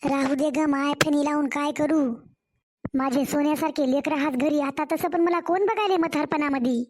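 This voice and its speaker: A woman's voice: high voice, steady tone, normal speed, darkish tone, lightly acted. A woman voicing an older village mother, doting and worried, coaxing her daughter in a cartoon story. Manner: fussing, coaxing.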